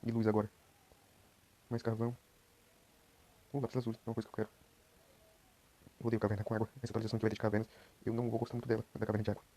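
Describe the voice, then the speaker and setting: A young Brazilian man giving quiet, rambling commentary while he plays a game. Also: on the low side, completely flat delivery, racing, long pauses. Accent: Brazilian Portuguese. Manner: talks quietly at night, rambling. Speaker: gameplay streamer. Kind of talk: casual gameplay commentary.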